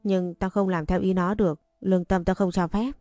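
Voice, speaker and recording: A woman's voice: fairly low pitch, fairly even intonation, moderate pace, warm tone, no room sound, studio quality, faint music behind, lightly acted. A woman voicing a cowardly teenage girl who pleads and whines, in a storybook reading. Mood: pleading. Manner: pleading and whiny.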